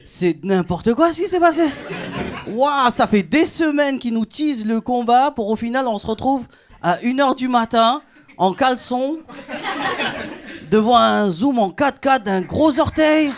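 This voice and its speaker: There's slight background noise as a man with a very high voice does club stand-up at a measured pace. He talks slangy and casual, engages the audience, and stays animated, laughing through each punchline.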